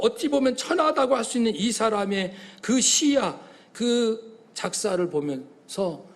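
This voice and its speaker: A middle-aged man delivers a sermon from the pulpit. His voice sits high for a man. He preaches with feeling and acts out the voices of the people in his story. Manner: animated preaching, acting out voices of God and congregants. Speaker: pastor.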